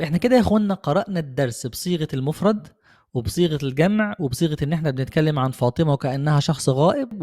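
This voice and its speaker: A man's voice: on the high side, a little mellow. Patient Egyptian man teaching English. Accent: Egyptian Arabic. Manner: patient, encouraging, repeats slowly. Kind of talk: online language lesson.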